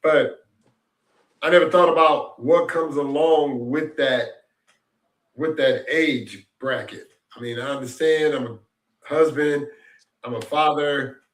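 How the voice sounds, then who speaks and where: This host, a man in his sixties, speaks at a medium pitch with a fairly bright tone. His reflective chat is casual and upbeat, full of rambling and repetition, recorded in an echoey room.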